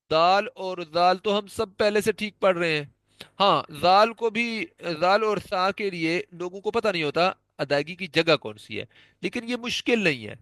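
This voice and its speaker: A man's voice: sits high, a bit bright, no room sound. A man teaching Quran recitation, patiently explaining and repeatedly demonstrating how to pronounce letter sounds. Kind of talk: pronunciation lesson.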